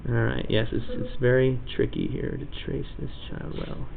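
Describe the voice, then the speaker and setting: A man's voice: mid-range voice, little pitch movement, moderate pace, creaky, a crowd in the background. Male teacher, classroom lesson, casual and encouraging, tinny lo-fi sound, students chattering behind.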